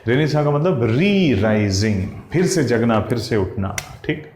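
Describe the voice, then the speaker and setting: An English teacher with a mid-range, darkish, animated voice speaks a little slowly, with slight background noise in an echoey room with faint ambience. He teaches exam vocabulary, spelling words letter by letter, checking in often with students and calling them "साथियों" and "भैया".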